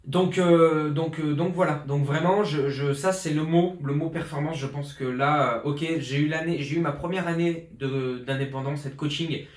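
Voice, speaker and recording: A man's voice: a little high, fairly even intonation, normal speed, few pauses. Rambling young man in an echoey room. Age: 20s. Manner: rambling, many restarts and fillers, fired-up. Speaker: fitness coach. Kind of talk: informal year-review vlog. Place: his flat in an apartment building. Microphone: borrowed pro journalist mic.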